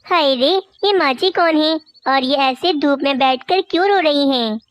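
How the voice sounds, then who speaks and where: A woman's voice: high-pitched, unhurried, no echo. A woman voicing a kind, caring cartoon bird. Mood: concerned. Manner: concerned, caring. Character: kind female bird, sympathetic helper. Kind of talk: cartoon voice acting.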